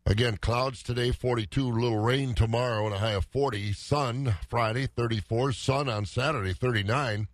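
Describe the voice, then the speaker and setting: A man's voice: medium pitch, fairly even intonation, moderate pace, few pauses, no echo, studio quality. A man, a morning radio host reading weather and market prices in conversational, clipped phrases.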